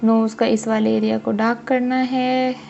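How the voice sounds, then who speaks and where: A woman's voice: fairly high pitch, little pitch movement, moderate pace, gravelly, dark tone, dull audio, faint music behind. A woman teaching a drawing lesson step by step, often checking that her students follow. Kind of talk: casual drawing tutorial.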